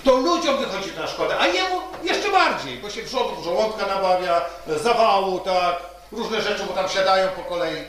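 A man's voice: high-pitched, expressive, moderate pace, fairly bright tone, a little hiss or hum. A male pastor preaching a sermon, telling stories and often asking the congregation "right?". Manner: storytelling with rhetorical "tak?" questions. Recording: echoey hall from far off.

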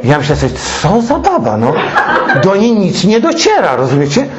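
A man's voice: sits high, huge pitch swings, normal speed, very noisy. A man preaching a sermon, telling stories, quoting others and asking rhetorical questions. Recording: echoey room, dull sound.

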